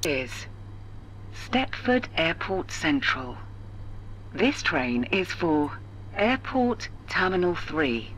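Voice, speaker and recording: A woman voicing an automated onboard train announcement, calm, measured and formal. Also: low-pitched, dull audio, background noise, exaggerated voice. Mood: announcing.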